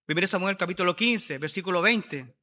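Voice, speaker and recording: Sharp, high-voiced male preacher. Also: lively intonation, fairly quick. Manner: emphatic, repeats key phrases. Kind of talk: sermon.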